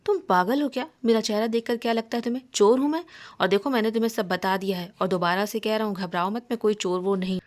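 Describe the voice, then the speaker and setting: A woman's voice: mid-range voice, fast talker, lightly acted. A woman voicing a troubled, jittery young businessman in a spoken storybook, talking in a blunt, nervous way. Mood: tense.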